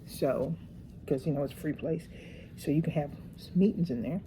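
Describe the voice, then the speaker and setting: Chatty, low-voiced woman telling stories. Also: moderate pace, warm tone, slight background noise. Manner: rambling storyteller, folksy Southern-leaning phrases. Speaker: craft vlogger. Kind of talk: casual chat while crafting.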